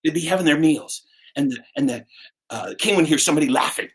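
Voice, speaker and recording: A man in his sixties, an animated storyteller who acts out characters with shifting voices, over a video call. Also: a little high, fast, breathy edge. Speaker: storyteller and musician. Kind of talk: oral folk-tale storytelling.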